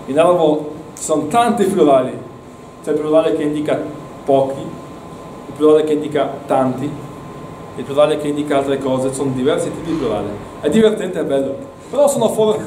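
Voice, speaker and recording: Recorded from afar in an echoing classroom, a man with a fairly high, dark-toned voice teaches Arabic, repeating words and encouraging the class. A little hiss or hum runs underneath.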